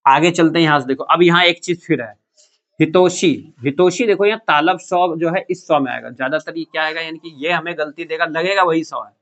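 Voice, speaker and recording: In this muffled, dull recording that resembles a cheap classroom capture, a man with a somewhat high voice teaches a lesson. He talks briskly with barely any pauses and a fairly bright tone, constantly questioning his students and repeating what they answer.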